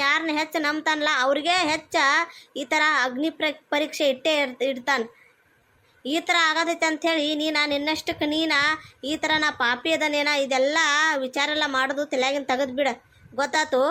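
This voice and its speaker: A kindly elder neighbor from a cartoon, voiced by a woman, firmly reassuring in a North Karnataka accent. Her voice is very high, bright and forceful. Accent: North Karnataka Kannada. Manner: reassuring, firm. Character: consoling elder neighbor woman, firm and kind.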